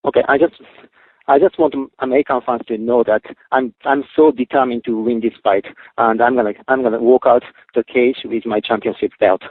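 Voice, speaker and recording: A man's voice: mid-range voice, fairly even intonation, brisk, dry recording. A man interpreting questions and answers on a press call. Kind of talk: consecutive interpreting. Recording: dry, thin phone line.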